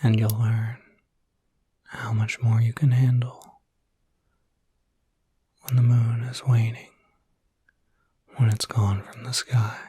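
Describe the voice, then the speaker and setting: Whispering close to the mic in a soft, breathy, calming way, a man takes on the role of a reassuring werewolf caretaker for ASMR, pausing briefly now and then. He goes slowly with long pauses and a medium pitch that barely moves, his mood gentle and encouraging, in a space with no room sound.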